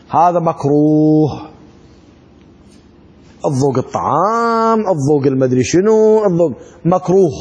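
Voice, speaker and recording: A man's voice: a little high, breathy edge. A man giving a religious law lesson, mixing readings with colloquial, joking asides. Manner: lively, colloquial, joking asides between read-out text. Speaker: religious teacher. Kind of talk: classroom lecture on religious law.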